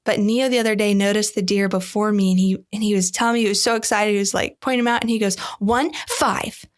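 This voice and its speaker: A young woman co-hosting a faith podcast, gushing in casual chat with animated storytelling. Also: medium pitch, fast talker. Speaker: podcast co-host.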